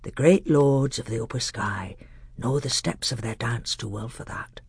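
A man voicing an old male scholar tutor who speaks low, slow, hushed and grave in a storybook reading. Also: slightly rough, no echo, studio quality. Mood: solemn, hushed.

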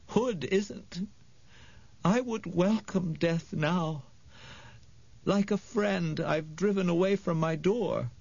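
A male reader voicing a weary, ancient, gentle woman who speaks slowly and tenderly, with a frail, creaky voice. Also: high-pitched, no echo, pitched above the performer's own voice, heavily acted. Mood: weary, wistful. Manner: slow, tender, calling the boy "my sweet". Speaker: audiobook reader. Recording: dull, dry studio read.

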